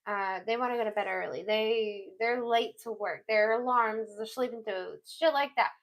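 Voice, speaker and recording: Woman tarot reader, slightly high voice, casual and blunt, talks straight to camera audience. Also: normal speed, rough recording. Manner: chatty, blunt, swears casually, acts out quoted voices. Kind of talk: casual intuitive reading.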